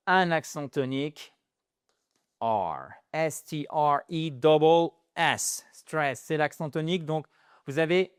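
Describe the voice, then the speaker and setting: A man's voice: medium pitch, clear, resonant tone, dry recording, clean studio sound. A man with a French accent teaching an English lesson, patiently repeating and spelling out pronunciation.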